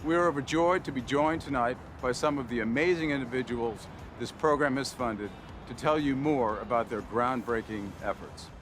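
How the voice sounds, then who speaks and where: A man's voice: medium pitch, normal speed. Man narrating a gala video formally. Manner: formal, announcing. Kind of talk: scripted narration. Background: music.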